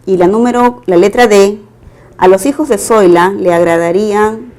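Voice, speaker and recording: A woman's voice: medium pitch, a little mellow. A woman teaching a recorded grammar lesson, going through exam questions one by one and explaining each choice step by step. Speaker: language teacher.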